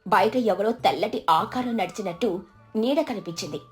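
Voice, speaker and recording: A woman narrating a village moral story in an expressive, scripted storybook style. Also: medium pitch, normal speed, faint music behind.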